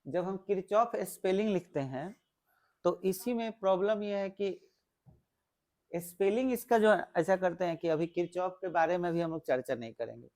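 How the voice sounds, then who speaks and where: A man's voice: high-pitched, expressive, normal speed, darkish tone. A male physics teacher, giving a classroom lecture, explaining step by step and asking the class questions.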